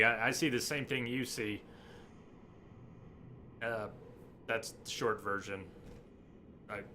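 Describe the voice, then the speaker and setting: A man giving casual live gameplay commentary as a streamer, haltingly thinking aloud. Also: fairly low pitch, sharp tone. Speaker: video game streamer. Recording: noisy, game sound behind voice.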